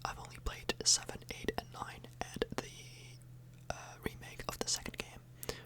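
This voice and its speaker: This is a woman doing ASMR, whispering unvoiced and breathy just by the microphone. She wanders through informal chatter, a bit hesitant and a little slow.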